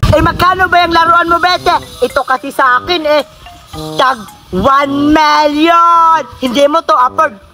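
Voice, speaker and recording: A woman's voice: sits high, unhurried, pushed and bright, soft background music. A woman voicing a teasing, jealous little boy in a comic skit, in a sing-song childish voice.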